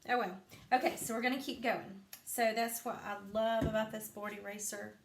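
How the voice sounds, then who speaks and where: A woman's voice: on the high side, steady tone, moderate pace. A sleepy woman demonstrating a home craft live, chatting along with plenty of ums and asides. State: sleepy, yawning. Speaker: craft vlogger. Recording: echoey room, faint background noise.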